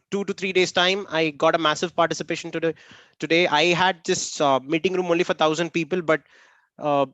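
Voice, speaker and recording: A man's voice: a little high, a bit bright, dry recording, highs cut off. A man with a Tamil Indian English accent, chatting informally as the host and trainer of an online workshop and repeatedly thanking participants. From Namakkal, Tamil Nadu, India. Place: online video meeting.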